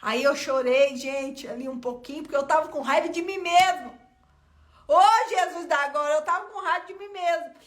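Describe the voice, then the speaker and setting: Brazilian woman, self-help vlogger, very high bright voice, chatty and expressive, talks to the viewer directly. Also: normal speed. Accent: Brazilian Portuguese. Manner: expressive, colloquial storyteller addressing viewers directly. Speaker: self-help content creator. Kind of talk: motivational talk with personal story.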